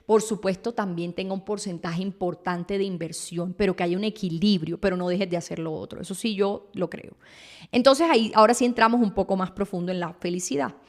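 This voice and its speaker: A woman, hosting a casual, reflective monologue in an animated, emphatic way. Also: mid-range voice, fairly quick. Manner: animated, emphatic, reads quotes aloud. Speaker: podcast host, entrepreneur.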